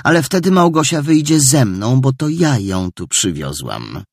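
A man reading an audiobook voices a spiteful, bossy teenage girl with a sharp, scornful delivery, in a raised voice. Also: mid-range voice, sing-song, unhurried, no room sound, clean studio sound, pitched above the performer's own voice. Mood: threatening.

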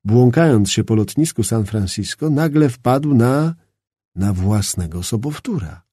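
A man narrating a novel as an audiobook in an expressive, dramatic storytelling style. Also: mid-range voice, unhurried, breathy edge, no echo, clean studio sound. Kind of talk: scripted narration.

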